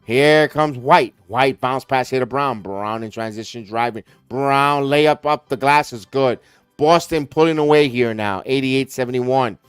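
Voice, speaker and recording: Male streamer doing play-by-play, middle pitch, dry close sound, faint music behind; punchy calls that rise on big plays. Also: clean tone, no room sound. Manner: rapid play-by-play calls that rise and push on big plays, talks to chat viewers by name. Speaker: host and play-by-play caller. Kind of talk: live watch-along play-by-play commentary.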